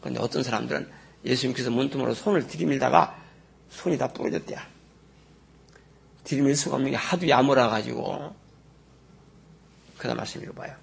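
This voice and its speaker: A man preaching a sermon as a pastor. He reads scripture slowly and drawn out, then swings from loud exclamations to low asides. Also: slight background noise. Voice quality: gravelly and husky. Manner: slow, drawn-out scripture reading.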